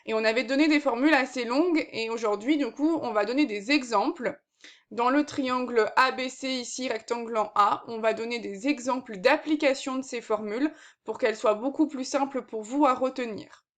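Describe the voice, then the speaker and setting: Woman, high-pitched, maths teacher, patient, step-by-step explaining. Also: normal speed. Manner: patient, step by step, frequent fillers. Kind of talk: recorded maths lesson.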